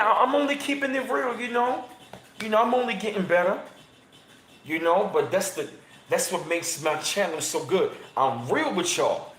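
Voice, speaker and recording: A channel host in his thirties runs a casual livestream, chatting with viewers in slang and reading passages aloud. He's excitable, and his voice jumps high whenever he gets emphatic; the sound is roomy with a little hiss or hum.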